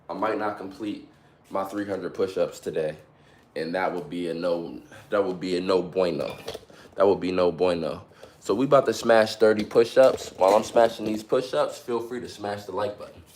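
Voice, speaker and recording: A man in his twenties live-streaming from home, chatting casually with his viewers between sets of push-ups in an upbeat, hyped, slangy, motivational way. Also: on the low side. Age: 20s. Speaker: livestreamer. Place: at home during a workout.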